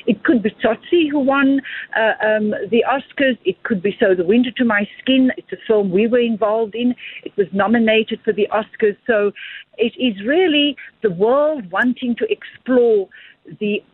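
A woman's voice: on the high side, normal speed, husky, no echo. A woman filmmaker answering interview questions at length, earnest and expansive, often repeating words as she thinks. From South Africa. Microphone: phone call. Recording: tinny phone line, dry.

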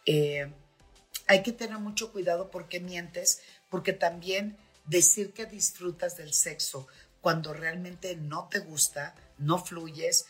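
A woman's voice: fairly low pitch, slightly rough. A middle-aged woman with a Mexican accent hosting a podcast, giving frank, chatty advice with many fillers. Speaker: host.

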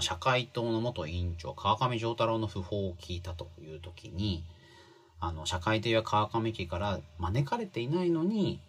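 This man's voice is low and husky as he explains a book's lessons in a relaxed spoken style. He chats along with plenty of fillers, stressing the phrases that matter most.

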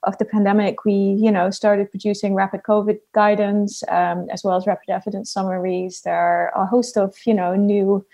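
A woman with a Dutch accent gives explanatory interview answers in measured, somewhat hesitant phrasing. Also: mid-range voice, little pitch movement, mellow. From Netherlands. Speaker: interview guest, health research scientific advisor. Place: at home in a kitchen.

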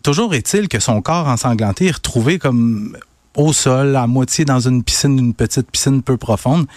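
A man with a Quebec French accent, a crime news columnist recounting a story in lively radio chat. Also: medium pitch, moderate pace, no echo, studio quality. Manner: animated, chatty storytelling.

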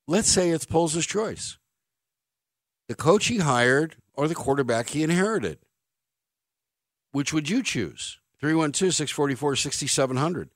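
Speaking into a studio mic in a radio studio, this sports talk host is a man in his fifties with a fairly high-pitched voice. The sound is studio quality with no room tone, and he trades in dry, sarcastic humor and meandering stories.

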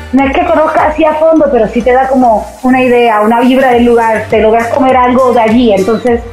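A Puerto Rican woman in her thirties, a singer, chatting as a guest in a podcast interview, lively and using the filler "este". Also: a little high. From Puerto Rico. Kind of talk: conversational interview.

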